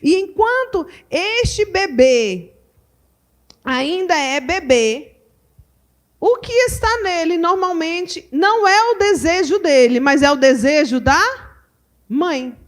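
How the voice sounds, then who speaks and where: A Brazilian woman teaching at a women's church conference, animated and full of rhetorical questions to her audience. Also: extremely high pitch, slow pace. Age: adult mother. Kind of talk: lively teaching talk to a live audience.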